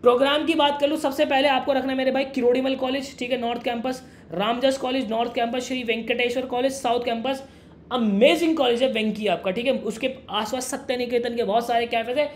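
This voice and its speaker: A young man explains things quickly and casually, calling the listener "brother". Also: extremely high pitch, fairly even intonation, slight background noise. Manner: fast, brotherly, addresses viewer as "mere bhai". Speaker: education YouTuber. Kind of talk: casual explainer talking to camera.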